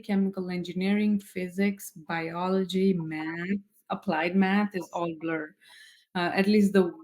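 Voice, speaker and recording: A woman's voice: lowish voice, a little mellow, rough recording. Thoughtful woman from Nepal. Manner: thoughtful, measured, with many "you know" fillers. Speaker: guest scientist. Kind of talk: casual interview answers.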